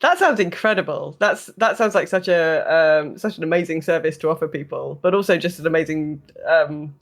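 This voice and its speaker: A man hosting a casual podcast interview in a high voice. He agrees readily and stumbles through fillers as he looks for his next question. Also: brisk. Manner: warmly agreeing, hesitant with fillers.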